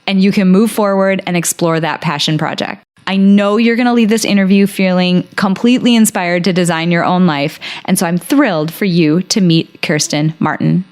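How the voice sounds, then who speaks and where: A woman's voice: on the low side, normal speed, hardly any pauses, darkish tone. A woman hosting a podcast interview, enthusiastic and gushing as she introduces her guest. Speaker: podcast host.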